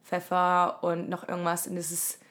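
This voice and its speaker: A woman's voice: fairly low pitch, completely flat delivery, moderate pace, fairly bright tone. A woman with a mild head cold co-hosts a podcast, talking informally and mixing in English terms. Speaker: podcast co-host. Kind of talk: casual conversational podcast chat.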